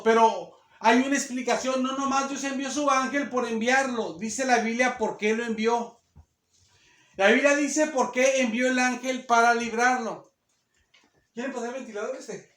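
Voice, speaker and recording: A man's voice: very high-pitched, fairly even intonation, fairly bright tone. A man, walking his listeners patiently through the passage and circling back over his own words. His voice rings through an echoey church hall. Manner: earnest, explains slowly and repeats phrases. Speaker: preacher. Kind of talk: sermon. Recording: echoey room.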